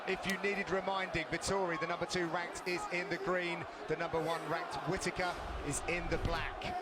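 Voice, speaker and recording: A man's voice: high-pitched, level tone, moderate pace. A man giving live play-by-play commentary on a fight as a broadcast commentator. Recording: very loud crowd and arena noise. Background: roaring arena crowd.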